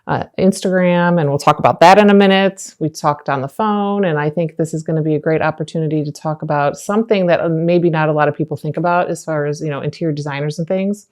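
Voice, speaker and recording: A woman's voice: low-pitched, steady tone, quick pace, hardly any pauses, a little mellow. A woman hosting a design interview podcast, chatting easily with her guest. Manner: friendly, conversational hosting with fillers. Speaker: host.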